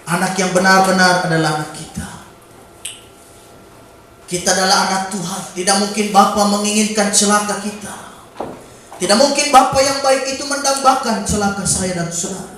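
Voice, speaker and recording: A man preaching a sermon in a church, breaking into sudden shouted calls and exclamations. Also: high-pitched, normal speed, slight background noise. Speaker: pastor. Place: church during a Wednesday evening service. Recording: very echoey church hall.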